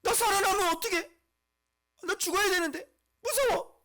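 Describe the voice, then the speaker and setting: A man's voice: normal speed, bright, forceful tone. A man putting on a whiny, frightened churchgoer. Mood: scared, whiny. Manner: high, fretful whimpering.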